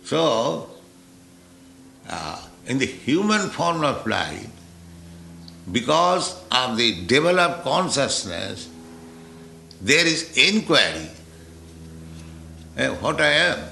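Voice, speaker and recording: Slow, gravelly male spiritual lecturer. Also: medium pitch, big pitch swings, bright, forceful tone, echoey room, slight background noise. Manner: deliberate, with rhetorical "huh?" checks. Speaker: spiritual teacher. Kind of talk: philosophical lecture.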